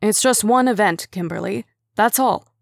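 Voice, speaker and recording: A woman's voice: medium pitch, normal speed, gravelly, no room sound, studio quality, lightly acted. A woman voicing a patient, placating middle-aged man who is the town mayor. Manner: placating, reasonable.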